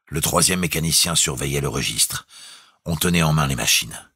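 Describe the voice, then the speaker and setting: A man reading a classic novel aloud as an audiobook, in a measured, expressive storytelling manner. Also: extremely low pitch, slightly rough, dry recording, clean studio sound. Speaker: audiobook reader. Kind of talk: literary audiobook narration.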